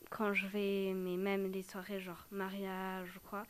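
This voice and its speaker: A woman's voice: mid-range voice, monotone, measured pace, slight background noise. A teenage girl answering as a guest in a casual chat, shy and hesitant with short answers.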